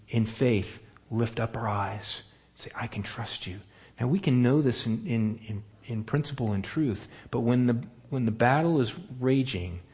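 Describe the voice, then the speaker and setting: A man's voice: fairly low pitch, darkish tone. A man preaching a sermon in a casual, conversational way, asking his listeners questions as he goes. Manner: conversational, asks the room questions. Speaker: pastor.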